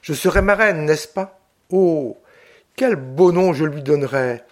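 A man's voice: on the high side, measured pace, lightly acted. A man voicing a proud young Corsican woman who speaks with icy composure. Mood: cold.

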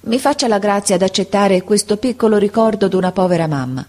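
A woman's voice: mid-range voice, animated, fairly quick, a little mellow, voice pushed up, close to an everyday voice. A woman voicing a poor, humble mother who speaks timidly and pleadingly, in a storybook reading. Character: poor anxious humble mother, middle-aged.

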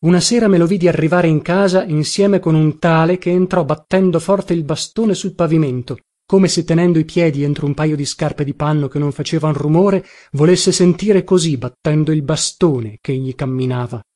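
A man reading a literary novel aloud in a measured, unhurried manner. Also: fairly high pitch, darkish tone. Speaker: audiobook narrator. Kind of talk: scripted literary narration.

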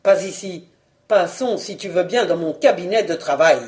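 A woman reading a storybook voices a timid, evasive baron, lowering her voice and speaking hesitantly. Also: moderate pace, a little mellow, echoey room, close to an everyday voice. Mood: placating. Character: timid, evasive middle-aged baron collector.

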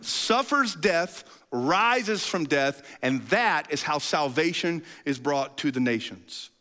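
A male pastor delivers a sermon with a high, lively voice that swoops widely in pitch. He tells the story in a casual, animated way and keeps clearing his throat between phrases.

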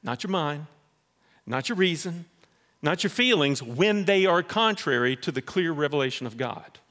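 A man preaching a sermon in a church in a conversational, animated way, acting out dialogue. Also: a little high, normal speed. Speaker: pastor.

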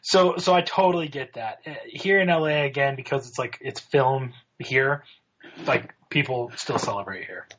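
A man's voice: mid-range voice, moderate pace, fairly bright tone, dull audio. A man co-hosting a podcast, chatting casually and steering the talk with questions. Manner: conversational, leads the discussion with questions. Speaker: podcast co-host. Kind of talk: casual chat. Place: home in Los Angeles.

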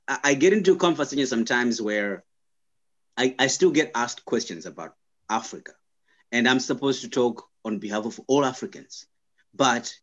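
A young man from Zimbabwe talks in a middle-pitched voice, reflective and unhurried, often stopping to restart his sentences. The sound is a little dull, like a lo-fi recording. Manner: thoughtful, halting, many restarts and fillers. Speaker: guest. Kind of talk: conversational interview.

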